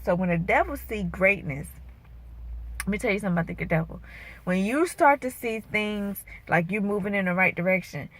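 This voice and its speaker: A woman in her thirties, an emotional vlogger and bikini competitor, venting earnestly and turning preachy and motivational, her voice wavering at times. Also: mid-range voice.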